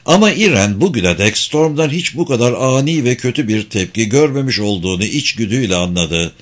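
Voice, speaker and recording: A man reading a novel aloud as narrator, steady and expressive. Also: medium pitch, a little fast. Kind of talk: audiobook narration.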